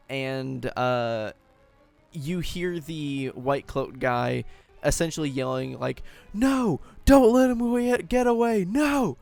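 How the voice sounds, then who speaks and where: A man's voice: mid-range voice, gravelly. A man narrating a tabletop game as game master, loose and full of fillers.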